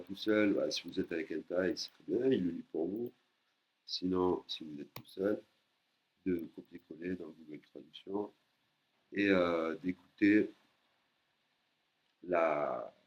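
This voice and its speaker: A man teaching a language lesson, patiently explaining and repeating words slowly for learners. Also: low voice, darkish tone, low-quality recording.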